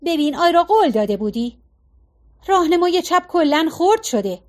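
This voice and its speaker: A grumbling, stubborn middle-aged husband who nags about every small fault, as a woman reads him in a storybook. The voice sits fairly high and bright for a man. It keeps a complaining, told-you-so tone. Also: very animated. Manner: complaining, nagging.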